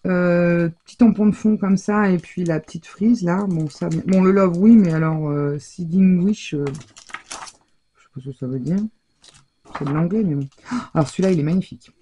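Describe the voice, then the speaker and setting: A middle-aged woman presenting her craft shopping haul in a casual, chatty way, hesitating often and filling pauses as she goes. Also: lowish voice, mellow, slightly rough. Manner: chatty, hesitant, full of fillers and self-corrections.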